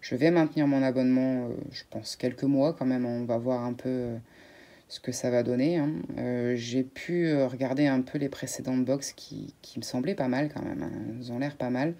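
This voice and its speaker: A woman's voice: extremely low pitch, steady tone, normal speed, mellow. A woman chatting casually to her viewers while unboxing beauty products, with frequent fillers and restarts. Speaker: beauty vlogger.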